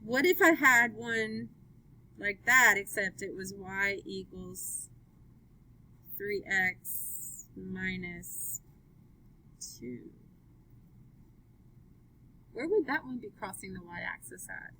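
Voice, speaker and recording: A woman's voice: mid-range voice, expressive, slow, pauses often, bright, forceful tone, a little hiss or hum, low-quality recording. A woman teaching a math class, upbeat, asking students question after question as she works through graphs. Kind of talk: live classroom lesson.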